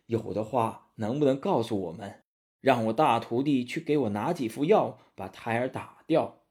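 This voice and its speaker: A man voicing a gentle, troubled male monk master in a storybook tale, speaking softly and slowly. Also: medium pitch, lightly acted. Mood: distressed. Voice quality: soft, slow, pleading.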